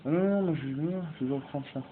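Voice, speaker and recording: A man giving excitable, swear-filled let's-play commentary, yelling and making mock threats at the game. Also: fairly high pitch, fast talker. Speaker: gamer. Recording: tinny lo-fi mic with faint hiss.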